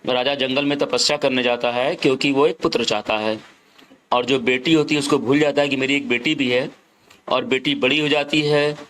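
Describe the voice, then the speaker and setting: A male English teacher explaining a lesson to children in Hindi, reading the English lines slowly and going over them again and again. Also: mid-range voice, fairly even intonation, a bit bright. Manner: slow, repetitive, reads English lines word by word.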